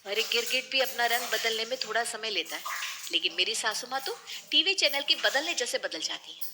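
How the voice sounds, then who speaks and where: A woman voicing a frustrated young daughter-in-law who answers back with sharp sarcasm. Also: on the high side, expressive, brisk, background noise, natural voice. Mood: sarcastic.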